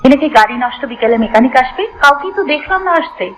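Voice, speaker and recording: A woman playing an irritated, sharp-tongued young woman in an audio drama. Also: high-pitched, expressive, fast, low-quality recording. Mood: annoyed. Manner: snappy and annoyed.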